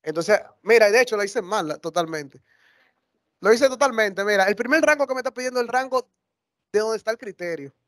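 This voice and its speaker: A man giving a live software tutorial as workshop instructor, talking conversationally and often correcting himself mid-sentence. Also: sits high, expressive, a little fast, no echo, studio quality. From Dominican Republic. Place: classroom or lecture hall.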